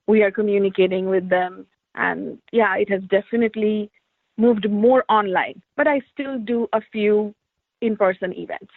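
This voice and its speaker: A woman from India, both artist and teacher, gives conversational interview answers, reflectively recounting stories from her life with frequent "like" fillers. Her mid-range voice is steady in tone at a moderate pace, and the dry, tinny phone-like recording has no room sound.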